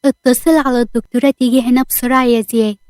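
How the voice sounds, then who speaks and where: A woman with an Egyptian accent, voicing a calm, reassuring young man in a narrated audio story. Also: fairly high pitch, very fast, no echo, natural voice. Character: young man, remorseful and gentle.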